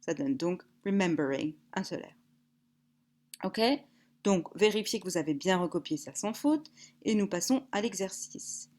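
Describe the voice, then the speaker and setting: A woman teaches an English lesson in a recorded class. She says each drill word slowly and with care. Her pitch rises and falls a lot, and she gives her grammar notes at a brisker pace. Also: expressive, darkish tone. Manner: slow, deliberate drill words, then brisk explanations.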